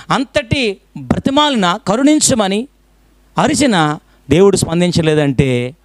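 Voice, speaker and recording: Male pastor, fervent sermon, high lively voice, dry close sound, rhetorical questions. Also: dry recording. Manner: impassioned preaching, stream of rhetorical questions; swings between loud pleading and hushed low lines.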